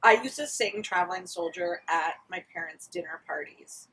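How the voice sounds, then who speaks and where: A woman's voice: on the low side, moderate pace, fairly bright tone, far from the mic, a little hiss or hum, rough recording. A woman in casual comedic chat, telling stories in a wry, candid way.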